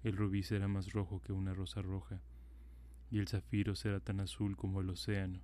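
A man voicing a kind-hearted little female swallow in a calm storybook reading. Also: low-pitched, fairly quick, lightly acted. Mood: devoted.

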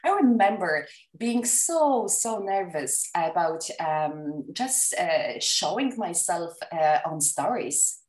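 A Polish wedding photographer with a Polish accent chats enthusiastically as a guest on a podcast, in a casual interview full of fillers and restarts. Her voice is fairly low, lively in intonation, slow, and a little mellow. She sits off the mic in an echoey room, sounding distant, with faint music behind.

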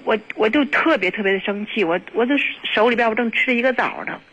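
A woman calling an advice show, talking in a halting, upset way with many restarts. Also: on the high side, a bit bright, slightly rough. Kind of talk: emotional phone call. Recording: dull lo-fi phone line.

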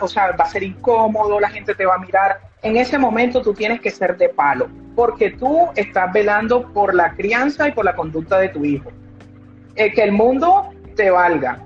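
A woman specialist explains child behavior with firm emphasis, repeating her key points and working through examples. Her voice sits mid-range. The audio is dull and lo-fi, with faint music underneath. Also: medium pitch. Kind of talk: explanatory interview talk.

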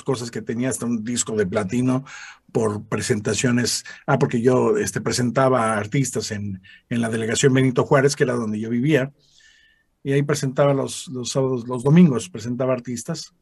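A former radio announcer and voice actor with a Mexican Spanish accent tells stories in a casual interview, animatedly acting out the voices he quotes. His voice is mid-range, gravelly, and slightly rough at a moderate pace. The recording is dry and studio quality.

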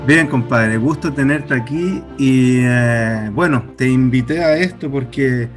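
A man hosting an interview, speaking haltingly with frequent pauses and restarts. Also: medium pitch, soft background music. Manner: halting, many fillers and restarts. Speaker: host. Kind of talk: casual interview.

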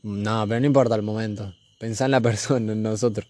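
A man's voice: lowish voice, steady tone, fast, a little mellow. A young man with an Argentine accent, co-hosting a podcast and reading out questions to his friend in a teasing, casual way. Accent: Argentine Spanish. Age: young adult. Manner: teasing, reads out questions, laughs often. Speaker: podcast co-host asking questions. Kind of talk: casual chat between friends.

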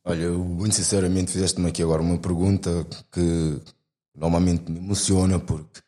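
A man's voice: sits low, flat delivery, fairly quick, warm tone. Heartfelt young man. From Portugal. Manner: heartfelt, argumentative, slangy. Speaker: guest. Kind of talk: earnest conversation.

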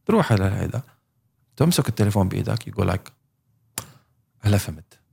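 A man's voice: lowish voice, expressive, very fast, gravelly, darkish tone, breathy edge. A man chatting casually and animatedly, mixing in English words and laughing often. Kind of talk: casual chat.

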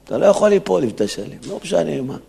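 A rabbi preaches in a synagogue in a gravelly voice, pitched a bit above most men. His delivery is lively and emphatic, with wide swings up and down as he drives each point home. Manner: emphatic, preaching, acts out quotes. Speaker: rabbi giving a weekly lesson. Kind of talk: Torah sermon.

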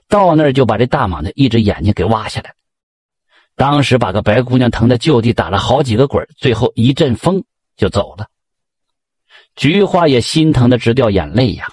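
A male storyteller recounting a folk tale in a lively, colloquial way. His voice is husky and moves freely in pitch. The recording is close and dry. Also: no room sound.

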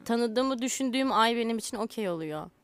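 A woman's voice: on the high side, lively intonation, a little fast, clear, resonant tone. A woman hosting a casual radio chat, teasing the others and laughing easily. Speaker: radio show host. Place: radio broadcast, dry close sound.

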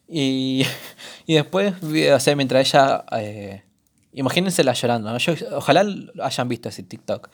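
Young Rioplatense man, solo podcast host, casual, swears offhand, middle-range voice. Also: mid-range voice. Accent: Rioplatense Spanish. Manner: chatty, rambling, swears casually.

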